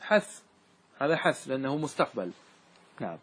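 A man teaching grammar as a sheikh, chanting verses slowly and often asking his class whether it is clear. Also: medium pitch, very animated, fairly bright tone.

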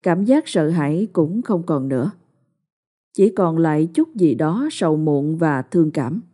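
A woman telling a ghost story in a slow, ominous way. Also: deep voice, animated, warm tone, breathy edge. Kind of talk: scripted ghost story narration. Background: faint music.

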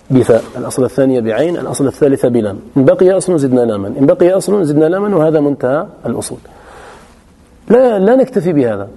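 In a fairly high, mellow voice, an Arabic morphology teacher leads a grammar class. He works through each point step by step and keeps coming back to his key phrases.

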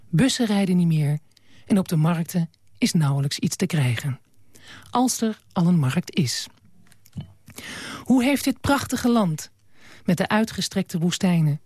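A woman hosting a late-night radio show in a studio, gently asking questions and reading a book passage aloud. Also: fairly low pitch, slightly rough, no room sound. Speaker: radio host.

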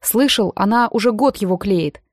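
A woman voicing a chatty, pushy young male student who confides gossip in a hushed tone, in an audiobook. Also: mid-range voice, normal speed, no room sound, clean studio sound, natural voice.

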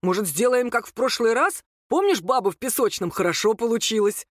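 A woman's voice: on the high side, lively intonation, a little fast, no echo, studio quality, lightly acted. A woman voicing a stocky male thug who talks in a blunt, matter-of-fact way.

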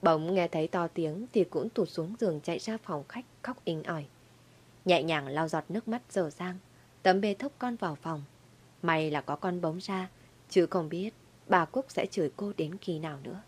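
A woman's voice: lowish voice, normal speed, husky. Woman narrating a dramatic audio story.

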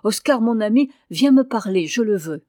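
A woman's voice: mid-range voice, slow, no echo, clean studio sound. A woman reading aloud and voicing a desperate man who pleads with a friend in urgent, commanding tones.

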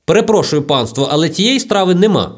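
A woman voicing a timid older male innkeeper who answers gently and apologetically in an audiobook. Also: lowish voice, expressive, brisk. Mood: apologetic.

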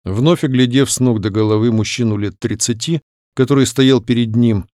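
A man narrating an audiobook in a measured, clear reading voice. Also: mid-range voice, darkish tone, no room sound, clean studio sound. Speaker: audiobook reader. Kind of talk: scripted narration.

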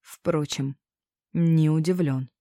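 A woman voicing a gruff, hostile village man who scolds and threatens loudly. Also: sits low, steady tone, slow pace, no echo, clean studio sound. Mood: scornful. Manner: rough, scolding, shouting threats.

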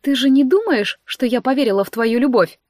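A woman reading the part of a scheming young female necromancer with a mocking, sharp-tongued manner. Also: sits high, expressive, fairly quick, no room sound, studio quality, voice pushed up.

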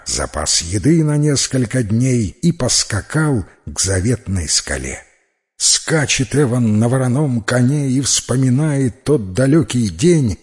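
A man narrating a fairy tale as an audiobook, in slow, even storytelling. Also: medium pitch.

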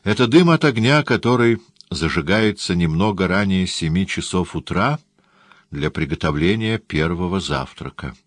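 Audiobook role: a male reader as a resigned young woman, soft and quiet, dry close recording. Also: deep voice, lively intonation, normal speed, no echo. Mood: calm insistent. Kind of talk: audiobook character reading.

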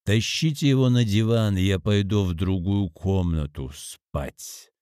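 A man's voice: sits low, a little slow, darkish tone, smooth, dry recording, clean studio sound. A man voicing a domineering drunk man who turns cruel, speaking coldly and commandingly. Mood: irritated. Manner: cold, commanding.

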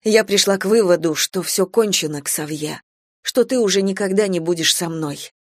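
A woman narrating a novel in first person, reading in a measured, emotional way. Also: lowish voice, dry recording, clean studio sound. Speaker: audiobook narrator.

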